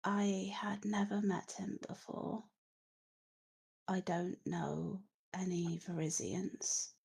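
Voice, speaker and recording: A woman voicing a dead woman raised by ritual, who answers in a faint, halting whisper with long pauses. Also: fairly low pitch, little pitch movement, creaky, a little mellow, breathy edge, heavily acted. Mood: hollow, distant.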